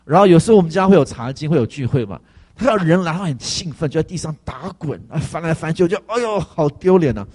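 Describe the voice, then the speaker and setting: A male pastor giving a conversational testimony sermon, animated and full of fillers. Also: a little high, quick pace.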